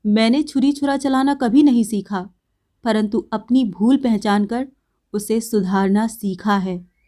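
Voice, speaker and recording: A woman voicing a young man who speaks calmly, quietly and firmly in a read-aloud story. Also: on the high side, measured pace, close to an everyday voice. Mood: stern. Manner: calm, quiet and firm. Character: calm, stern young man.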